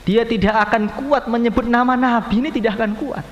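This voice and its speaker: High-voiced impassioned male preacher. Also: brisk, long reverb tail, highs cut off. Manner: impassioned, swings between soft low lines and high raised cries. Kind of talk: storytelling sermon.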